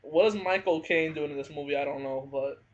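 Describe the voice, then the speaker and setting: A man's voice: fairly high pitch, a little fast, slight background noise. A man giving a casual spoken movie review at home, hesitant and full of fillers. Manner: hesitant, frequent fillers and hedging. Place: at home, family nearby. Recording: dull lo-fi home recording.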